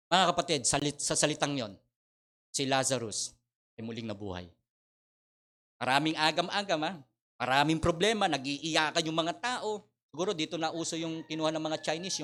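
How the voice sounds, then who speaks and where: A middle-aged man with a Filipino accent preaching a sermon as pastor, swinging between loud appeals and quiet asides. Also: fairly high pitch. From Philippines.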